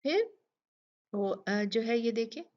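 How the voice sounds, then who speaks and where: Slow, patient woman teaching recitation. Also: fairly high pitch, very animated, a little mellow, dull audio. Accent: Pakistani Urdu. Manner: slow, patient, repeats sounds to demonstrate. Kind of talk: Tajweed lesson explaining rules.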